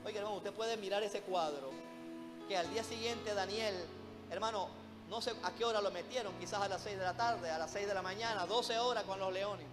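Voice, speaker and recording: High-pitched guy preaching hard, keeps calling out to the brothers, big echoey church. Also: fairly quick, over music. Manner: emphatic, repeatedly calling out "hermano" to the congregation. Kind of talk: sermon.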